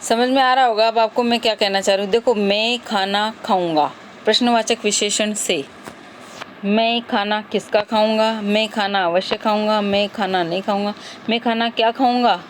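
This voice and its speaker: A woman's voice: medium pitch, steady tone, moderate pace, a little hiss or hum. A woman teacher going through exam-prep grammar questions, patiently repeating each question and its options aloud.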